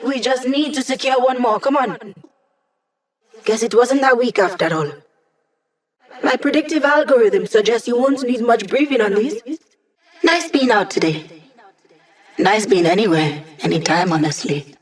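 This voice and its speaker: A woman's voice: on the high side, expressive, moderate pace, pauses often, lightly acted. A woman playing a young tech hacker in a video game, talking in a playful, sardonic, casual and slangy way. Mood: playful, encouraging. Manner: sassy, casual, teasing, slangy.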